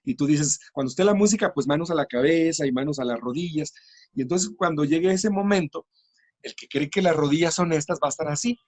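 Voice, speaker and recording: A man's voice: fairly high pitch, fairly quick, darkish tone, no echo. A middle-aged man, a teacher trainer explaining classroom practice patiently in an interview.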